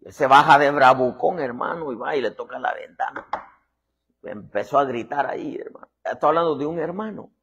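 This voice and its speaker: A man's voice: mid-range voice, a little fast, vocal fry, husky, lo-fi sound. A man preaching a sermon. He acts out voices and keeps calling the listeners "hermano". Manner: animated preacher acting out voices, constantly saying "hermano". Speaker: apostle preaching.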